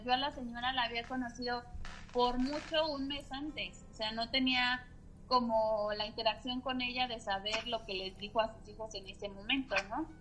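A woman's voice: on the high side, fairly bright tone, poor audio. A woman, a guest telling a personal story in a chatty way, full of fillers and tag questions. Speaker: guest medium. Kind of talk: casual storytelling.

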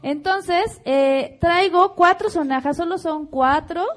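A woman with a Mexican accent speaks in a high, unhurried voice as she teaches children a song, line by line. She sings back and forth with them in an auditorium, and music plays clearly in the room. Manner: gentle, guiding children with call-and-response singing. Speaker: guest musician.

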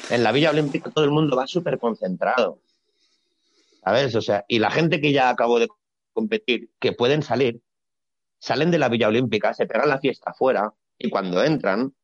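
A man, a retired gymnast explaining his career in a relaxed, blunt, colloquial way during a casual interview. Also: medium pitch, brisk, dry recording. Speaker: retired Olympic gymnast, guest. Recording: dry, slightly dull sound.

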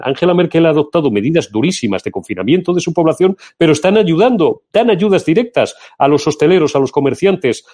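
A middle-aged political commentator from Spain, with a Castilian Spanish accent, discusses politics on an opinion show. His voice is fairly high and darkish in tone, and he argues in an emphatic, indignant, rhetorical way.

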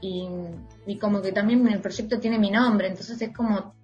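A woman singer with an Argentine Spanish accent talks easily as a podcast guest, laughing often and leaning on fillers. Her voice sits at a middling pitch. The audio sounds a little muffled. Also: steady tone, moderate pace, a little mellow, soft background music. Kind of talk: casual interview chat.

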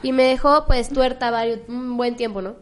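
A woman's voice: a little high, fairly even intonation, moderate pace. A woman hosting a talk show, chatty and fond of telling stories. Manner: chatty, storytelling. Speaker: podcast host. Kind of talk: casual chat.

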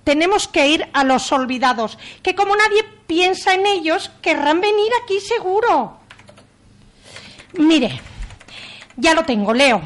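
Woman voicing Néstor, high-pitched earnest assistant. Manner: explanatory, matter-of-fact. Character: Néstor, earnest male assistant in a haunted mansion. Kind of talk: comic radio drama dialogue.

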